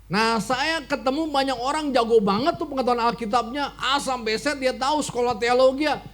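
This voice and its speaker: A middle-aged man preaching a sermon as pastor, telling stories with lively back-and-forth and acting out the people he quotes. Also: very high-pitched, fairly quick. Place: church hall.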